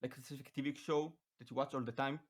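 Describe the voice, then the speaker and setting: This Israeli-accented young man, a native Hebrew speaker from Israel, hosts a casual chat podcast. He speaks in a steady, medium-pitched voice, faltering and restarting frequently.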